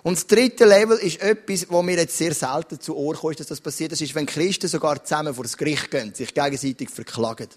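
A middle-aged man with a Swiss German accent gives a sermon as a pastor. He tells stories in a lively, direct, chatty way and talks straight to the listeners. His voice sits a little high for a man. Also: fast, few pauses. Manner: animated storytelling preacher, direct and conversational.

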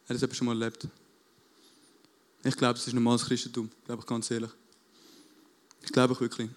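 A man preaching a sermon on a church stage with a band waiting, fervent and casual, dropping English buzzwords and rising to loud appeals. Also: mid-range voice.

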